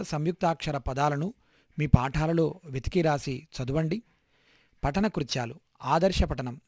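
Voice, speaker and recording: A man reads a school lesson plan aloud, item by item, in a measured and even delivery. His voice sits a little high for a man. The sound is close and dry, with no room around it. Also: dry recording. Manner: measured, list-like reading. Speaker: teacher reading a lesson plan.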